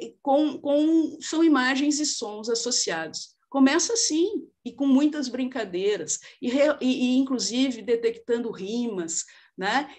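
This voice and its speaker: Brazilian woman lecturing, fairly high voice. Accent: Brazilian Portuguese. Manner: conversational, many fillers and rhetorical questions. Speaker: lecturer on literacy and child development. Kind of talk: informal lecture presentation.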